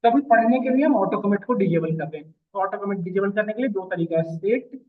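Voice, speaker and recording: Male teacher, high voice, mic far off, phone-quality audio, talks to a class. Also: expressive, fairly quick. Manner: addresses students as beta, asks checking questions. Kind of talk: classroom lecture. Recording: distant mic, phone-like lo-fi sound.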